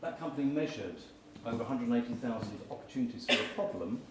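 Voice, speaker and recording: In front of a live crowd, a man at medium pitch talks at a quick pace, walking listeners through exercises and building to loud calls. The hall echoes, the mic sits far away, and audience noise comes through.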